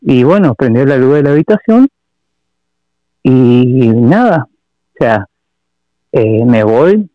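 A man from Argentina with an Argentine Spanish accent, calling in to tell a personal story in a halting way, full of fillers and repeats. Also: medium pitch, very animated, no room sound, muffled recording. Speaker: caller. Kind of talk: telling a personal story on a call-in show.

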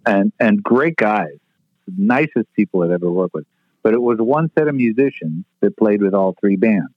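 A man's voice: lowish voice, lively intonation, normal speed, no echo. A man in his sixties, a retired stage manager, telling stories in a brash, profane way. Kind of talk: casual storytelling interview. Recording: tinny phone-like line, dry.

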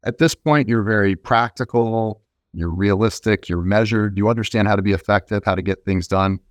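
A man's voice: on the low side, normal speed, no echo, studio quality. A man speaking as an interview guest, giving conversational answers in a reflective, explanatory way. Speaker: interview guest, venture investor.

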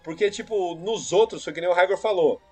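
A man's voice: high-pitched, brisk, over music. A man on a podcast who gives his opinions earnestly and with emphasis in a casual chat.

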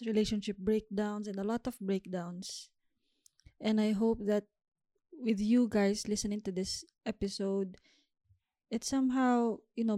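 A young woman hosts her own podcast and talks to listeners in a chatty, upbeat way. Her voice sits in a middle pitch and has a mellow, warm tone. The recording is dry and close to the mic. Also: no echo. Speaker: podcast host. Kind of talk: solo podcast talk. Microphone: home podcast mic.

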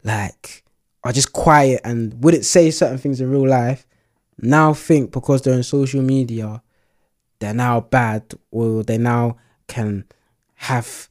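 A man's voice: mid-range voice, steady tone, slow, darkish tone. A man in casual podcast chat, laid-back and heavy on slang fillers.

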